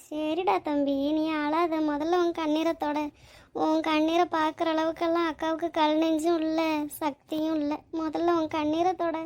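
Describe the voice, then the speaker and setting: A high-voiced, motherly elder sister in a cartoon, voiced by a woman. She speaks in an affectionate, pleading, emotional way. Her pitch is high but stays in a narrow band. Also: flat delivery, normal speed, darkish tone, close to an everyday voice. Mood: tearful, loving. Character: loving elder sister and wife, motherly and tearful. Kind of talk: Tamil cartoon drama voice acting.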